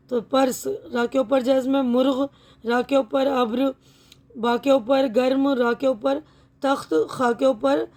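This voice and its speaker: A woman teacher with a high, light voice walks pupils through a textbook lesson. She is patient and methodical, spelling out each word slowly and often pausing to check that they follow. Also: darkish tone. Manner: patient, repeats words slowly, checks understanding.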